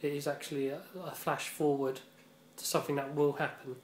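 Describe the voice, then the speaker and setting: Flat-voiced profane man in echoey room. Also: fairly high pitch, a little fast. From Britain. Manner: rambling and profane, heavy on fillers. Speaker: vlogger. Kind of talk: casual vlog monologue. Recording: echoey room with faint ambient noise.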